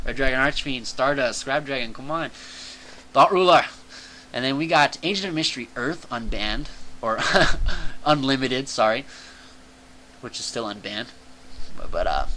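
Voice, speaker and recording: Bright-voiced excitable young man. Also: medium pitch, a little hiss or hum, rough recording. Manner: excitable, chatty, says "dude" and "like" a lot. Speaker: channel host reviewing card game banlist. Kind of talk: casual enthusiastic commentary.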